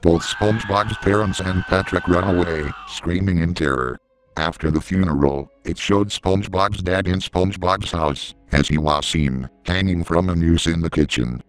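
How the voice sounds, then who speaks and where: A man giving scripted horror story narration in a steady, measured way, recorded on a close mic. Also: low-pitched, low-quality recording.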